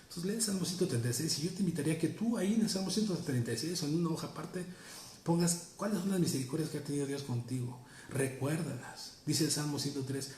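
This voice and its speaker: A man's voice: medium pitch, mellow, roomy sound, a little hiss or hum. A man preaching a sermon in an earnest, teaching tone, repeating key phrases for emphasis. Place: church.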